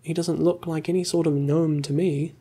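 A man voicing a naive, eager male tourist in a soft whispered role-play with a gravelly, husky voice. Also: on the high side, little pitch movement, moderate pace. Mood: insistent.

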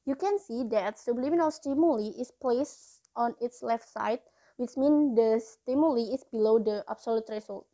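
A woman's voice: a little high, moderate pace, warm tone. A woman in her early twenties with an Indonesian accent, a non-native English speaker, explains a lesson to camera through a face mask that slightly muffles her voice. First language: not English. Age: early 20s. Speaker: explainer video host. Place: small indoor room.

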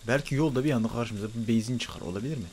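A young man giving excited let's-play commentary, swinging between loud frantic outbursts and muttering to himself. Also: mid-range voice, rapid-fire, a little hiss or hum. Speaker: gaming YouTuber.

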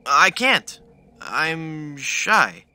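A boyish, wisecracking cartoon game hero with a very bright, forceful voice on the high side. He is hapless but earnest, and his pitch moves in lively swings. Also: very slow, full character voice. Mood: sheepish scheming. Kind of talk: cartoon adventure game voice acting.

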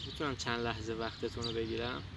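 A man's voice: medium pitch, level tone. A man flirting and then arguing, in a hidden camera prank. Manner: flirty, confrontational. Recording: outdoor recording with clear background noise.

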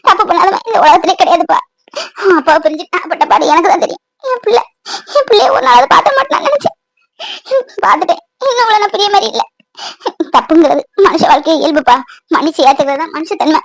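A woman's voice: extremely high pitch, expressive, quick pace, no echo. A woman voicing a wise old grandmother. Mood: wise, tender. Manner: scolding yet tender, preachy. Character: elderly grandmother, forgiving and wise. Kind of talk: cartoon voice acting.

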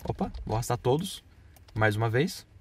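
A man's voice: medium pitch, lively intonation, normal speed. A man explaining video editing step by step in a casual screen-recorded tutorial.

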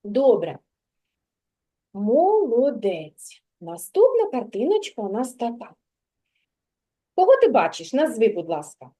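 Kindergarten teacher, woman, Ukrainian accent, high and slow, patient lesson delivery. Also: wildly swooping pitch, warm tone. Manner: drawn-out, sing-song word modelling for a child.

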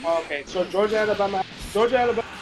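Man, high voice, excitable stream co-commentator, game music underneath. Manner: excitable, quick reactions to gameplay. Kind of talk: casual gaming stream commentary.

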